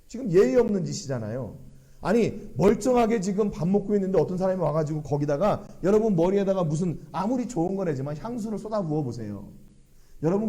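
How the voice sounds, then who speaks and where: A man's voice: high-pitched, dark tone. A middle-aged man preaching a sermon in a church, asking the congregation earnest rhetorical questions. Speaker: pastor.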